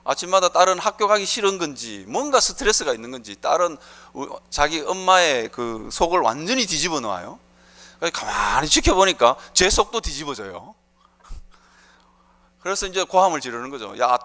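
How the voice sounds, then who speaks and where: A man's voice: fairly high pitch, very animated, normal speed, bright, forceful tone. A middle-aged man with a Gyeongsang accent, preaching an impassioned sermon full of rhetorical questions. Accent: Gyeongsang Korean. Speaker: pastor.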